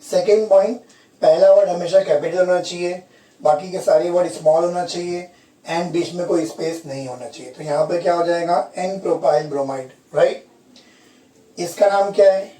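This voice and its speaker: Male chemistry teacher, Hindi-English mix, mellow higher voice, roomy sound from a distance. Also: moderate pace. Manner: asks students questions and repeats key terms. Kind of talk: classroom lecture. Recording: echoey room, from far off.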